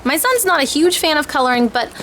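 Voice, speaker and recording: With a high, sharp voice that swings widely in pitch, a woman speaks fast while casually explaining language kits she is reviewing as a homeschooling parent. She sounds hesitant and informal, as if thinking aloud, and background noise is clearly audible.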